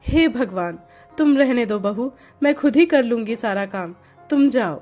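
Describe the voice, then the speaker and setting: A long-suffering mother-in-law, acted by a woman narrator who sounds weary and gentle. Her voice is set somewhat lower than the storyteller's own. It is a storybook telling with faint music. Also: measured pace.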